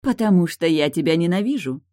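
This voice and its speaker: A reader voicing a sharp-tongued young woman who teases in a languid, mocking way. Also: sits low, lively intonation, normal speed, dry recording, studio quality. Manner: teasing, languid.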